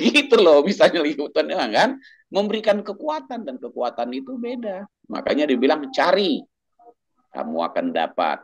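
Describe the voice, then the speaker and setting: With a fairly high, breathy-edged voice, a doctor and church minister animatedly recounts his faith testimony during a casual talk-show chat. He quotes others and chuckles as he goes, and the sound is lo-fi.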